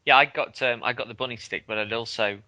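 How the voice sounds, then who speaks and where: Podcast guy, really bright sharp voice, lots of ums and stop-starts while he remembers stuff. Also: mid-range voice, steady tone, fast. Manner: hesitant, many ums and restarts. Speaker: podcast co-host. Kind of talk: casual gaming chat.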